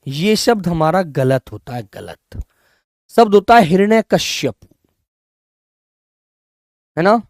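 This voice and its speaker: A man with a fairly high voice teaches an online language class, recorded dry and close. He calls his students "child", repeats each word slowly, and keeps nudging them along. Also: sing-song, no echo. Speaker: Hindi teacher.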